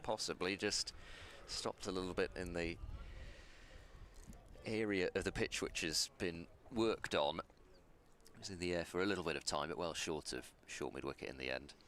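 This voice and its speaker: A very low-voiced man calling cricket ball by ball from a commentary box above the ground. He speaks in a measured, dry, self-deprecating way and stumbles over restarts. Faint ground noise sits behind him. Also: fairly bright tone.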